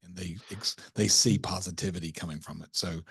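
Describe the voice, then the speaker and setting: A man hosting a podcast in casual interview conversation, reflective and halting, often restarting his sentences. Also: deep voice, steady tone, creaky, husky, no echo, clean studio sound. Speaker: podcast host.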